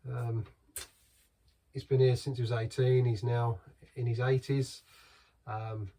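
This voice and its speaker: A middle-aged man chats casually through a beer review, rambling and restarting his sentences. His mid-range voice is dark in tone, slow and fairly flat in pitch, heard from some distance from the mic.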